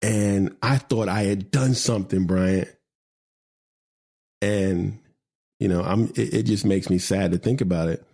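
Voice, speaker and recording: A man's voice: lowish voice, fairly even intonation, a little slow, vocal fry, long pauses, mellow, breathy edge. A middle-aged man hosting a podcast, telling stories with animation and emphasis and reading a poem aloud. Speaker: podcast host. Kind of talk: conversational storytelling and poetry reading.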